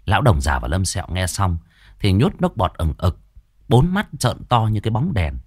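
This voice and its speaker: A man narrating a story in a lively, expressive way into a close mic. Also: low voice, normal speed, no room sound.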